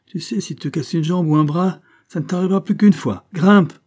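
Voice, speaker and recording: A man's voice: mid-range voice, normal speed, dark tone, husky, pitched above the performer's own voice, natural voice. A man barking as a brutal fairground bully. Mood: harsh, bullying. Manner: barking, sneering orders. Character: brutal male fairground acrobat master, bullying.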